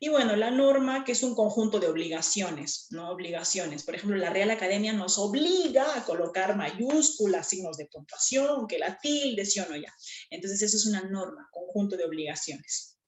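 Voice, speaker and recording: A female teacher lectures her class in a lively, animated manner. She keeps stopping to ask her students whether they follow. Her voice sits at a medium pitch and echoes through the room. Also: normal speed. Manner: animated, with frequent checking questions. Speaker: language teacher.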